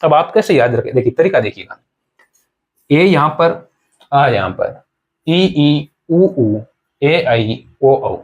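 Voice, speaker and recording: A man's voice: a little high, lively intonation, slow, long pauses, muffled recording. A man teaching an exam-prep grammar lesson, explaining step by step, repeating points and asking rhetorical questions of his students.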